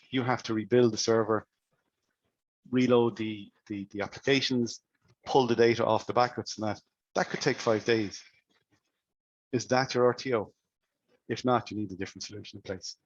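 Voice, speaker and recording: A man's voice: mid-range voice, no echo, lo-fi sound. A man with an Irish accent giving a webinar presentation on security, firing questions at listeners and often restarting his sentences. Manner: asks the audience rapid questions with frequent restarts. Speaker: cybersecurity presenter.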